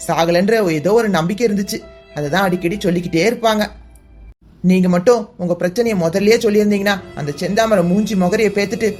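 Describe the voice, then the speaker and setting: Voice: medium pitch, natural voice. A voice actor playing an earnest, caring young man in a cartoon, reassuring and blunt. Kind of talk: cartoon voice acting.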